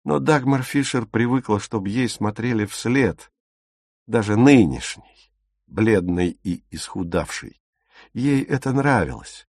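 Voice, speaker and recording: Low-voiced male audiobook narrator. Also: lively intonation, takes it slowly, darkish tone, no echo, clean studio sound. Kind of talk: scripted narration.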